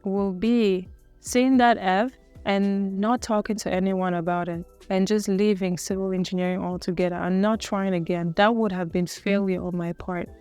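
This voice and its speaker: Young woman from Cameroon, vlogger, earnest reflective storytelling, clean resonant voice, soft music underneath. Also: mid-range voice, steady tone, moderate pace, smooth. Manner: earnest, musing, self-correcting.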